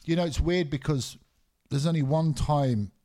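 A middle-aged MMA referee, Scottish-born and English-raised, talks candidly as a guest on a casual podcast, rambling with plenty of fillers. His voice is fairly high-pitched and mellow, at a moderate pace.

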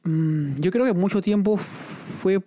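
A man's voice: high-pitched, slow, warm tone, no echo, studio quality. Joking South American man hosting podcast. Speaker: podcast host. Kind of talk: casual chat.

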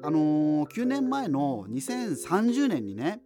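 Over loud background music, a man with a fairly high, exaggerated voice that swoops wildly in pitch takes his time playing a solo amateur radio host in a doomed future. The scripted radio-drama monologue is chatty and digressive, full of self-interruptions and offhand asides.

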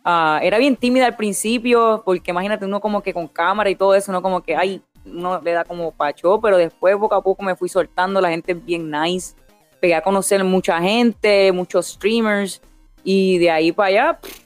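A woman's voice: mid-range voice, fairly quick, no echo, faint music behind. A young woman from Puerto Rico with a Puerto Rican accent, a streamer chatting casually as an interview guest, laughing often and mixing in English words. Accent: Puerto Rican Spanish.

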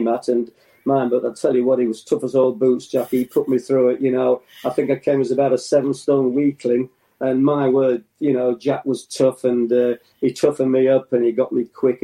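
An older man from England, a former footballer being interviewed, reminiscing in a halting way with many restarts and chuckles. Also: medium pitch, mellow, poor audio.

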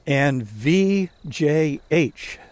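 A man's voice: fairly high pitch, expressive, extremely slow, a little mellow, no echo. A man in his sixties hosting a walking podcast, chatting casually and rambling a little as he walks outdoors. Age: 60s. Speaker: podcast host. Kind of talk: casual talk while walking. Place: outdoors on a walk.

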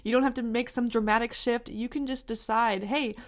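A young woman hosting a podcast interview, bubbly and quick to laugh, often speaking straight to her listeners. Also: on the high side, steady tone. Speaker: podcast host. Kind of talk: casual interview chat.

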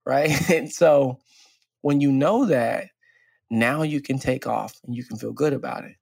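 A man's voice: mid-range voice, unhurried, gravelly, a little mellow, husky, no room sound, clean studio sound. A man co-hosting a podcast, speaking emphatically in a preachy way and often checking in with "right?". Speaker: podcast co-host. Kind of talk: casual chat.

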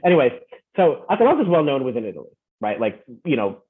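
A man's voice: medium pitch, very animated, fast talker. A man who grew up in the Philippines and the United States, chatting as a podcast guest and often tagging his points with "right?". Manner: rambling, tag questions like "right?". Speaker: podcast guest, fan club founder. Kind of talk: casual interview chat. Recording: tinny phone-like remote line.

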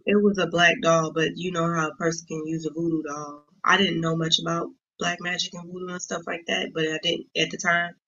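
Woman guest, gravelly and bright, halting delivery, dull lo-fi recording. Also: lowish voice, little pitch movement. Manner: hesitant, many pauses and ums. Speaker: guest sharing her story. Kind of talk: casual interview talk.

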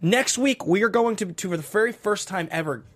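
A man's voice: high-pitched, fairly quick, a bit bright. A man hosting a casual film discussion, chatting in an informal, enthusiastic manner. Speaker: host of a film discussion show. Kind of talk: casual chat.

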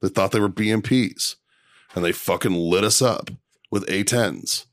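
A man's voice: lowish voice, moderate pace, no echo, studio quality. A man in his forties, a podcast host talking casually and bluntly, swearing often. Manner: profane, blunt. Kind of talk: casual chat.

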